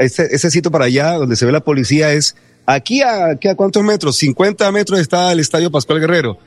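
A man's voice: on the high side, no room sound. A man reporting live from a location for a sports radio show, chatty and describing the scene around him. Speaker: field reporter.

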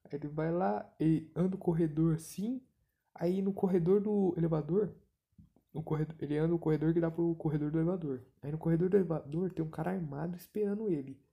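Gravelly Brazilian guy, rambling profane recap. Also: on the high side, quick pace, dull audio. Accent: Brazilian Portuguese. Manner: rambling, slangy, swears freely. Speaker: movie retelling vlogger. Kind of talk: casual profane movie recap.

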